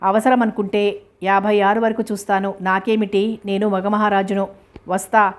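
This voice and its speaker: A woman reading the part of an arrogant young male engineer who lectures in a boastful, bossy way, with a flat, even delivery. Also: mid-range voice, moderate pace, close to an everyday voice. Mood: lecturing.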